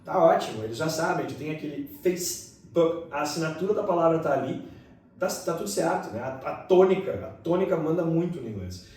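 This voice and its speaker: A man's voice: fairly high pitch, lively intonation, darkish tone. A man, an English pronunciation teacher, chatting casually and often tagging sentences with questions. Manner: fast-talking, many tag questions. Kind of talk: casual conversation. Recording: echoey room from a distance.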